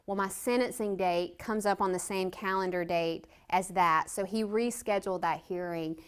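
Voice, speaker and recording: A woman in her thirties tells her story of addiction and prison as a testimony, in a voice of middling pitch. She acts out what others said with sudden leaps in pitch and loudness. The telling is direct and personal. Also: moderate pace, clear, resonant tone. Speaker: reentry speaker.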